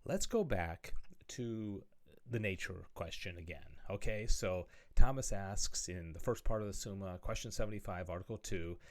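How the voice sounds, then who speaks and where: In this theology video lecture, a religious studies teacher speaks in a deep, slightly mellow voice at a normal pace. He reads passages aloud, explains them conversationally, and keeps asking "okay?" and "right?" to check in.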